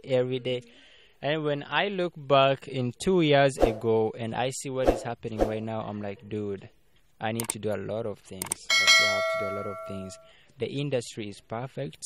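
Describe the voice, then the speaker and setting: A young Ugandan man, a filmmaker appearing as a guest, chats casually in an interview with lots of fillers and restarts, so his talk rambles. His voice is medium in pitch at a normal speed, and there's heavy noise in the background.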